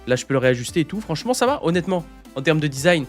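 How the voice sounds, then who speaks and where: A man's voice: on the high side, very animated, very fast, faint music behind. A man casually reviewing a headset, talking through a headset mic in a crude, joking, rambling way. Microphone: gaming headset mic.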